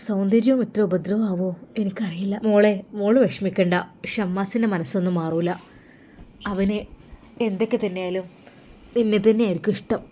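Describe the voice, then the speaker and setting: A soothing, pleading middle-aged mother, as a woman storyteller puts her on, speaking. Her voice is mellow and warm, with a faint hiss in the background. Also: mid-range voice, close to an everyday voice. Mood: reassuring. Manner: pleading, consoling. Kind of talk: storytelling role voice.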